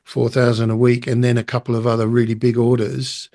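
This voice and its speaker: A man's voice: medium pitch, flat delivery, brisk, warm tone. A man hosting an interview, asking long, probing questions that he works out as he talks. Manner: probing, thinks aloud through long questions. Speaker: podcast host.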